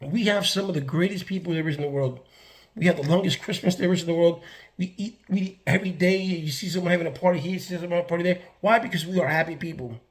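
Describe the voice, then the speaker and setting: A vlogger from the Bronx, New York, rants about politics to camera in a high voice at a quick pace. His delivery is casual and emphatic, with many restarts and fillers.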